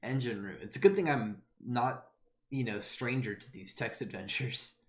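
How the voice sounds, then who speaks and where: A man's voice: mid-range voice, normal speed, fairly bright tone. A male streamer playing a text adventure, reading the game text aloud with hesitant ums and wry self-mocking asides. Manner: hesitant, many ums and trailing thoughts.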